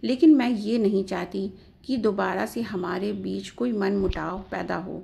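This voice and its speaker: A woman's voice: mid-range voice, fairly even intonation, measured pace, creaky, dark tone. A woman voicing an angry, stubborn young wife who talks sharply and indignantly.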